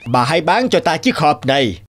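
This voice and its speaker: A man voicing a greedy, cruel old landlord in a cartoon, blustering and shouting. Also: a little high, very animated, a little fast, noisy background. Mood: scheming. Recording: cartoon with music behind.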